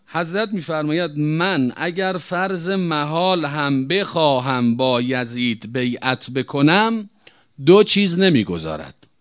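High, resonant-voiced man preaching. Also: a bit bright. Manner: emphatic, addresses audience as brothers and sisters. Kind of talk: religious sermon.

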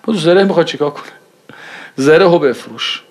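A man's voice: a little high, lively intonation. Conversational male preacher telling stories. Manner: conversational, acts out dialogue in anecdotes. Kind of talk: storytelling religious talk.

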